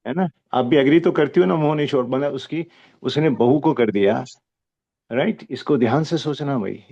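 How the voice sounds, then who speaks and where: An older man with a mid-range voice talks like a seasoned mentor, unhurried and kindly. He keeps checking that his listener follows him. The sound is muffled, like a video call. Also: medium pitch, mellow. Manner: fatherly, calls the presenter "beta", explains slowly with rhetorical checks. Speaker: senior homeopathy teacher giving feedback. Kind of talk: mixed Hindi-English teaching talk.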